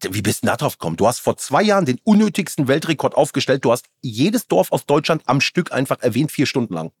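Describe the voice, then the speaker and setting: A man's voice: medium pitch, quick pace, breathy edge, no echo, clean studio sound. A middle-aged man hosting a TV show, interviewing a guest in a jokey, casual way. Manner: lively, jokey, tries dialects. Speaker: TV show host.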